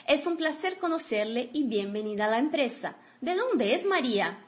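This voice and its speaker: A woman's voice: high-pitched, big pitch swings, moderate pace. A woman reading a polite male office worker's lines from a textbook dialogue in a plain, courteous way.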